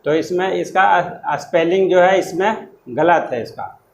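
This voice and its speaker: A man teaching an exam-prep lesson, explaining words slowly and spelling them out letter by letter, with loose, repetitive phrasing. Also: high voice, animated, vocal fry, roomy sound, a little hiss or hum, low-quality recording.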